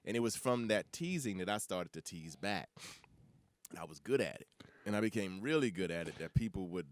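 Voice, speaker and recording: Middle-aged comic guy from the bahamas, low voice, lively storytelling, chuckles a lot. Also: a little fast. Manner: animated storyteller, chuckling, loose fillers. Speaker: comedian guest. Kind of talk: casual interview chat.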